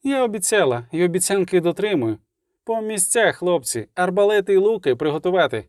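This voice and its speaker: A man voicing a fierce woman mercenary who shouts defiant battle cries. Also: high-pitched, very animated, a little fast, no echo, studio quality, pitched above the performer's own voice. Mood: grim.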